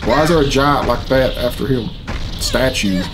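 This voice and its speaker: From a small furnished room at home, a reaction video host in his thirties grumbles through casual, profane, blunt commentary as it comes to him. His voice is medium-pitched at a moderate pace, and the background, which includes game cutscene music, is noisy.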